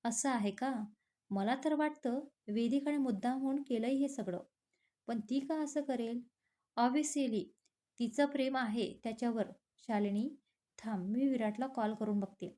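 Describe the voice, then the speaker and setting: A woman's voice: a little high, measured pace, warm tone, natural voice. A woman voicing a caring, teasing friend. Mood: soothing. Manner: soothing and teasing.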